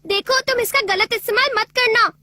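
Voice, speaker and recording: A high fussy robot cat. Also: female voice, a little fast, dry recording. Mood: scolding. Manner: bossy, pleading when in trouble. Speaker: dubbed cartoon character. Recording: cartoon dub with loud music behind.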